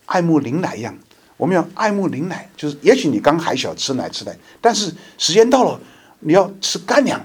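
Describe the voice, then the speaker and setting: A man preaching a conversational sermon to his congregation, slowing down to read scripture aloud. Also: a little high, husky. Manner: conversational, reads scripture slowly and deliberately. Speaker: lay preacher.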